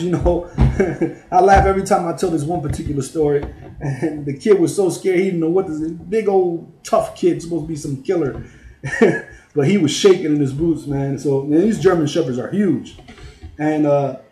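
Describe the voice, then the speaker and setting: A man's voice: a little high, warm tone. Streetwise middle-aged man telling his testimony. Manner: streetwise and casual, full of "you know" and "man". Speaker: former prisoner giving testimony. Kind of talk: personal testimony. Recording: roomy, echoey sound.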